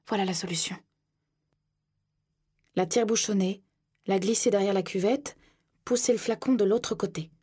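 A woman reading a first-person audiobook in a tense, hushed storytelling manner. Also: mid-range voice, slightly rough. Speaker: narrator.

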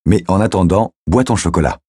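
A man voicing a gentle, caring young woman who speaks with soft warnings in a storybook reading. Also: low-pitched, fairly quick, slightly rough, no echo, studio quality.

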